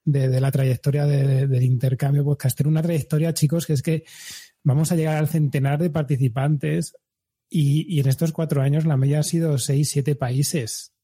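Spanish man with a very dark, husky voice. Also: fairly high pitch, fairly even intonation, normal speed. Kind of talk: casual podcast chat.

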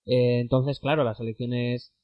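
A man's voice: medium pitch, level tone, unhurried, warm tone, dry recording. A man with a Castilian Spanish accent co-hosting a podcast with casual, conversational political commentary. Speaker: podcast co-host.

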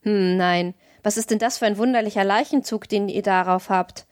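Woman doing an old forest hunter guy, gruff but kind, folksy blunt talk, audiobook, dry. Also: medium pitch, moderate pace, no room sound, natural voice. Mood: kindly. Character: gruff, good-natured old male forester. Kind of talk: audiobook reading.

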